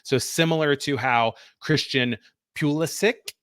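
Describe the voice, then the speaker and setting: A man co-hosting a soccer talk show, walking through each play in detail with a steady, explanatory delivery. His voice sits at an ordinary middle pitch and sounds dry and close to the mic. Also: brisk, no room sound. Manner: explanatory, talks through plays step by step. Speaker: co-host, soccer analyst. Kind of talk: tactical breakdown, casual podcast talk.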